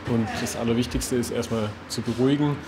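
Male surgeon, 30s, calm and matter-of-fact, hospital ward, faint ambience. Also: mid-range voice, a little fast, noisy background. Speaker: trauma surgeon. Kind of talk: explaining findings to patients and camera.

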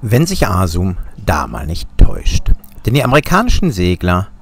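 A man's voice: sits low, wildly swooping pitch, normal speed. A German man narrating a sailing vlog in a wry, dryly humorous voice-over.

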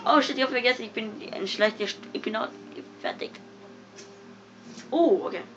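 Excitable young woman giggling through gameplay. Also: on the high side, moderate pace. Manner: excitable, giggly, swings from mumbling to loud yelps. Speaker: gamer. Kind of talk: casual game commentary. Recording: dull lo-fi home recording with faint noise.

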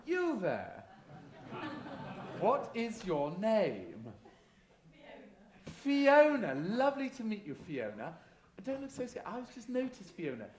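A man's voice: very high-pitched, expressive, fairly bright tone, exaggerated voice. A man playing a flamboyant, boastful tooth fairy godmother as a pantomime dame, theatrical and grandiose, with a sinister edge. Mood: sly, teasing. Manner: theatrical, grandiose, drawn-out delivery. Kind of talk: live stage pantomime monologue with audience banter. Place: large theatre stage, indoors. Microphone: distant camera in the audience. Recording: echoey noisy theatre recorded from the audience.

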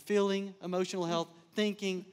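A middle-aged man telling stories in a chapel talk, animated and joking with the audience. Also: sits high, moderate pace, clean tone. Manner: animated storyteller, jokes and laughs with the crowd. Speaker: speaker, counselor. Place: large chapel. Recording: long hall reverb.

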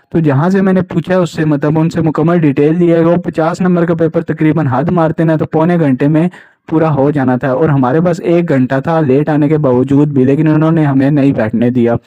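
A young man speaks in a slightly high, mellow voice. He tells his story in an indignant, casual way and keeps checking in with the listener. The recording is dry and dull, with a lo-fi sound. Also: no room sound. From Pakistan. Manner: indignant, keeps asking "right?" as he recounts. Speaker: jobs channel host. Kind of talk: casual first-person account to camera.

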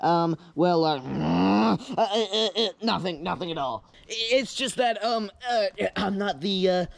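A man's voice: high-pitched, expressive, slow pace, gravelly, no room sound, exaggerated voice. A man voicing an awkward male bird character who hesitates and stumbles over his words. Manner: hesitant, filler-heavy, awkward.

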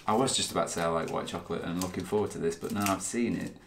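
A man's voice: low-pitched, rapid-fire, vocal fry, roomy sound, noisy background. A man hosting a casual spicy food challenge video, chatting in a self-deprecating way while he eats. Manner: chatty, self-deprecating, talks with mouth full. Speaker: channel host. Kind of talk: casual chat while eating.

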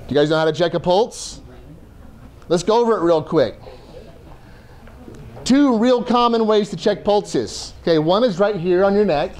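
A man's voice: sits high, animated, moderate pace, pauses often, a little mellow. Joking male first aid instructor. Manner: joking, conversational. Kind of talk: classroom lecture. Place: classroom.

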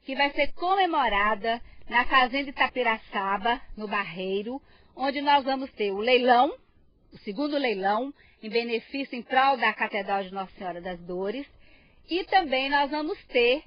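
High-voiced Brazilian woman being interviewed. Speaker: event coordinator. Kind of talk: interview statement. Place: outdoors on a farm. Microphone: handheld reporter microphone. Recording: dull TV field audio.

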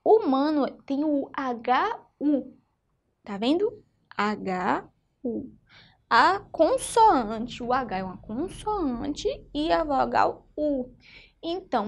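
High, lively Brazilian teacher. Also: female voice. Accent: Brazilian Portuguese. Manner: patient, checks in with "tá vendo?" and "certinho?". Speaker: primary school teacher. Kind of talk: children's phonics lesson.

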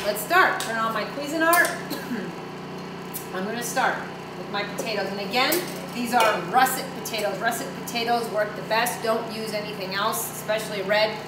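A woman's voice: medium pitch, distant mic. A woman in her thirties giving a chatty, instructive home cooking demonstration as a guest chef in her kitchen, talking while she works. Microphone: camera across the kitchen. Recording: echoey kitchen, voice from off-mic, faint noise.

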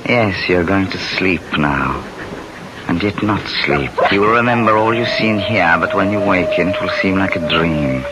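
Male actor as menacing vampire count: very deep, stately, courtly, theatrical radio play villain, heavy background noise. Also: moderate pace, natural voice. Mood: sinister, hypnotic. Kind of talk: old time radio horror comedy acting. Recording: very noisy radio skit with train rumble.

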